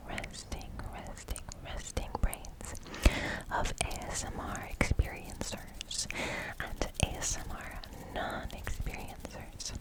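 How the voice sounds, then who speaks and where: A woman giving an ASMR science explainer in a breathy whisper, often repeating single words softly for tingly effect. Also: rough recording. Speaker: ASMR host explaining research.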